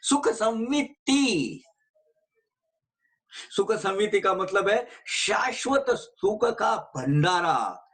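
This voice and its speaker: A man's voice: sits high, sing-song, slow, a bit bright. A man giving an earnest devotional discourse, explaining scripture and telling stories, mixing in English phrases.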